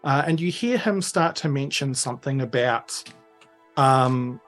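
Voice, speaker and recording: A man's voice: mid-range voice, expressive, unhurried, a bit bright, soft background music. Brief: young guy, game master, loose rambling narration. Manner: rambling, many fillers, chuckling.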